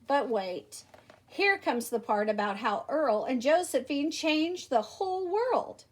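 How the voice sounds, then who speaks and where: Reading slowly from a picture book, a teacher with a high voice performs the story for children, her pitch rising and falling dramatically. She adds theatrical emphasis, exclaiming and posing rhetorical questions in an animated way.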